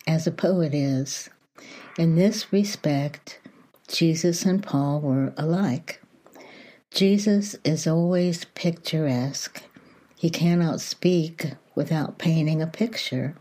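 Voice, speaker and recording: Low mellow lady reading a devotional slowly, soft morning voice. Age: older. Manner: slow, gentle, unhurried reading. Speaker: podcast host.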